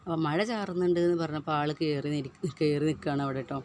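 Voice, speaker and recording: A woman's voice: sits low, steady tone, fast, a little mellow, slight background noise. A housewife from Kerala chattily narrating her daily chores over a home vlog, tagging her sentences with "you know?"; she is recovering from a tooth extraction. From Kerala, India. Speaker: housewife vlogger.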